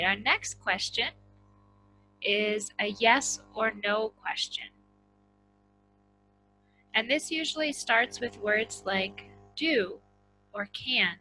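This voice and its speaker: A woman teaching an English vocabulary and intonation lesson, slowly and deliberately, repeating words so students can practice. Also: mid-range voice, pushed and bright, poor audio.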